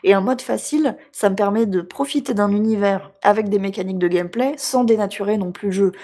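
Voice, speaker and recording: A woman co-hosting a casual video game chat, enthusiastic and chatty, laughing often and filling pauses. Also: medium pitch, warm tone. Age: adult with a job. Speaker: podcast co-host.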